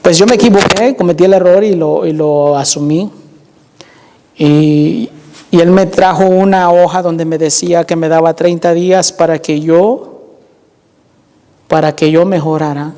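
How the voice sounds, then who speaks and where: A man's voice: on the high side, steady tone, measured pace, mellow. A man preaching a sermon in a church, telling a personal testimony with fervor and repeatedly calling out to the congregation as brothers. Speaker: pastor. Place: church sanctuary. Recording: long reverb of a church hall.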